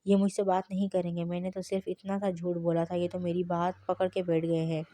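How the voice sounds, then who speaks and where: A woman voicing a tearful, innocent young bride who pleads softly in a read-aloud novel. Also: lowish voice, little pitch movement, close to an everyday voice. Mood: pleading.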